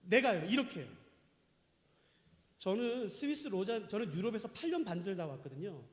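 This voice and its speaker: A man's voice: sits high, sing-song, moderate pace. A middle-aged male pastor preaching a sermon, emphatic and questioning the congregation. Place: church sanctuary. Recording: echoey church hall.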